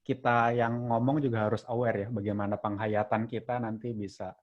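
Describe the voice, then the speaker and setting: A moderator of a youth discussion, relaxed with short acknowledgments. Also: mid-range voice, normal speed, muffled recording. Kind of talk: casual moderating.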